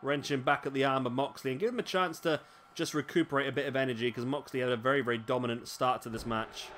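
Hiccuping as he goes, a man with a mid-range voice offers casual commentary on a wrestling video game over a noisy background. He's talkative, frequently adds tag questions, and corrects himself often.

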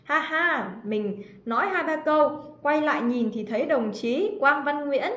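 A woman's voice: sits high, lively intonation, a little slow, fairly bright tone. A woman teaching an English grammar livestream, chatty and teasing, calling out students by name. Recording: roomy, slightly dull livestream audio.

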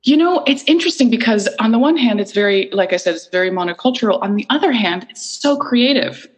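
A middle-aged woman from Iceland is a guest in a reflective, conversational interview, talking thoughtfully and searching for her words. Her voice is a little high, animated, and fast, and the audio quality is poor.

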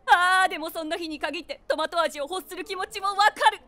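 With a very high, brisk voice and music in the background, a woman narrates the inner thoughts of a nosy, wry 46-year-old eavesdropping woman whose imagination runs wild. The scripted comedic monologue is amused and observing, full of deadpan, teasing asides.

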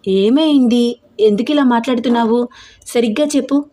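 A woman voicing a gentle, caring young woman who talks with concern. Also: fairly high pitch, moderate pace, close to an everyday voice. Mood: worried.

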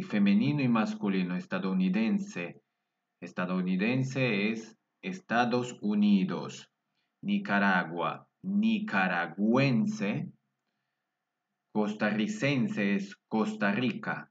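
A man teaching Spanish in an online lesson, slowly repeating each word twice, heard on muffled lo-fi audio. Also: lowish voice.

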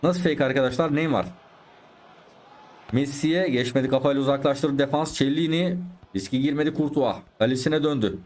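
A gaming YouTuber chats through his own football video game, talking to viewers and exclaiming at the plays. His voice is mid-range and a little mellow, at a moderate pace.

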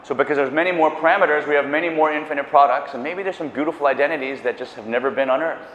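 A middle-aged man with a fairly high pitch rattles off a public math lecture at rapid-fire speed, wearing a lapel mic in a lecture hall. Chatty and enthusiastic, he gestures, paces the stage, and adds asides and self-corrections. The sound is dull and echoey, with slight background noise.

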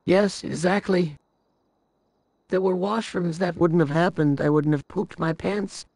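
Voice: mid-range voice, fairly even intonation, a little slow, gravelly, a little mellow, no echo. Young person faking a cranky old granny, dry close mic. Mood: plaintive, indignant. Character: cranky, litigious elderly granny. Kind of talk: improvised game role-play.

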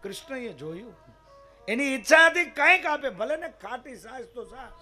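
High-voiced preacher telling a story. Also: male voice, expressive, moderate pace, bright, forceful tone, soft background music. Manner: emphatic, rhetorical questions to listeners. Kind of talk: devotional scripture storytelling sermon.

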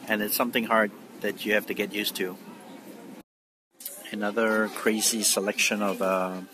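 Man, middle-aged, slow amazed rambling, lowish voice, noisy store ambience behind. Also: level tone. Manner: amazed, rambling narration with fillers. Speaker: vlogger. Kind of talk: casual walkthrough vlog. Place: large supermarket indoors. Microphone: phone held while walking. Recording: noisy phone recording in store.

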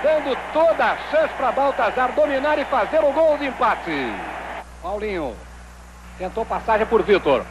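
Very high-pitched Brazilian man, explosive football commentary. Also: big pitch swings. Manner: explosive, drawn-out goal calls. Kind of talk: live football play-by-play commentary. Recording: old TV broadcast, loud stadium noise. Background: loud stadium crowd.

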